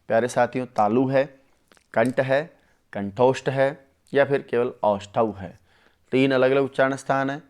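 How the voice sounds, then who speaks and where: A man with a smooth, mid-range voice teaches Sanskrit live online to exam candidates, speaking close to the microphone. Warm and enthusiastic, he treats viewers as friends and slows down to spell out each sutra syllable by syllable so everyone can keep up.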